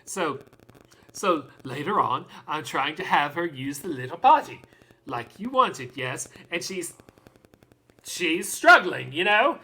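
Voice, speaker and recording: In a theatrical monologue, a woman plays a doting, excitable father of a small girl, using a deep, slightly rough, full character voice. She tells the story fondly and earnestly, with dramatic pauses and drawn-out emphasis, on a rough recording.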